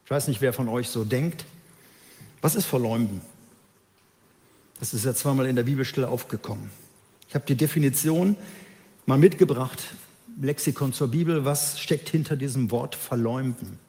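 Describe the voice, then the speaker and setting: A man preaching a sermon, emphatic and lively, who acts out the voices of the people he quotes. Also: mid-range voice, normal speed, long pauses, long reverb tail.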